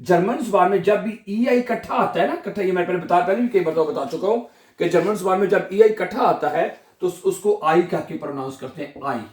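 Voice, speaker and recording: A male language teacher giving a slow classroom lesson, drilling each word and phrase over and over and asking his viewers questions before he answers them. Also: high voice, darkish tone, roomy sound. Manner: drills words slowly, repeating each phrase.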